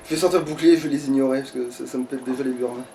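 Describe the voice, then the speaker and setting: Rapid-fire and creaky, this man's dark, mid-range voice stays fairly even as he grumbles and swears through a video game. It's casual gaming chat with commentary on his own play, recorded on a distant mic with background noise.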